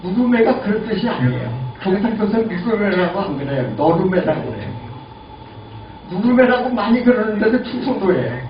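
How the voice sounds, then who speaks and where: A man's voice: high-pitched, fairly quick. Elderly man lecturing in an echoey hall. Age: 80s. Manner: lively, asks the audience questions. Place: lecture room. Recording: lo-fi, echoey, distant, noisy.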